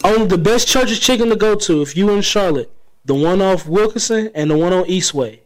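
A man, co-hosting a casual podcast chat and ranting loudly with plenty of profanity. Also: high voice, animated, brisk, poor audio. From South Carolina. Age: 30s. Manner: loud, profane, opinionated ranting. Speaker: podcast co-host.

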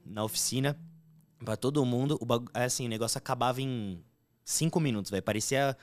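A man chatting casually on a podcast, bragging in relaxed slang. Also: medium pitch, quick pace. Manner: laid-back, bragging with slang like "velho" and "mano". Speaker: podcast co-host. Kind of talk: casual chat.

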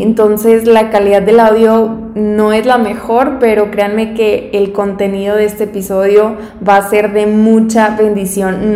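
A woman's voice: mid-range voice, a little mellow. A young woman hosting a podcast interview in a casual, chatty style. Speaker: podcast host.

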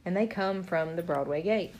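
Podcast co-host, woman, lowish voice, casual joking book chat. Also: moderate pace, darkish tone, highs cut off, slight background noise. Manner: chatty, joking, laughs often. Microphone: podcast mic.

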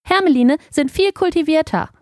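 Storybook: woman doing a snooty, piping little ermine girl, high and mellow-toned. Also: lively intonation, normal speed, dry recording, studio quality. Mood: haughty. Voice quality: squeaky, piping. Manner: haughty, refined. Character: posh little female ermine girl, proud. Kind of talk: audiobook character voice.

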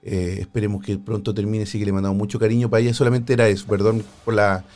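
Chilean male host, lowish pitch, hesitant and filler-heavy live chat. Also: flat delivery, fast, darkish tone. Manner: hesitant, many fillers and restarts. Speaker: host of a live paranormal stream.

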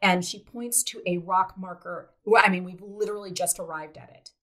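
A woman's voice: lowish voice, steady tone, normal speed, a bit bright. A middle-aged woman from South Dakota telling a personal story in an earnest, reflective way, with hesitant fillers. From South Dakota, United States.

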